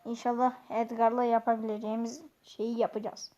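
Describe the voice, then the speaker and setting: A woman giving chatty, excitable commentary on her own gameplay, talking straight to her viewers. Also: a little high, fairly quick. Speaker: gaming YouTuber. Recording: dull lo-fi sound.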